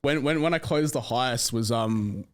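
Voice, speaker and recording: A man's voice: medium pitch, normal speed, clean tone. A man talking in a casual podcast conversation as a guest. He laughs often, swears casually and talks with many fillers and restarts. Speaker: podcast guest, business owner.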